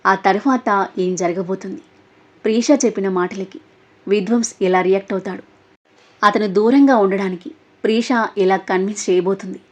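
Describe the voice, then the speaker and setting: A woman's voice: medium pitch, fairly even intonation, normal speed. Woman narrating a dramatic story. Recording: dull lo-fi audio.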